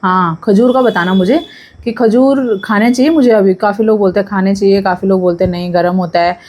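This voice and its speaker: A woman's voice: medium pitch, steady tone, fairly quick, a little mellow. A young pregnant woman chatting casually to camera in a vlog, talking freely and drifting off topic. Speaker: vlogger.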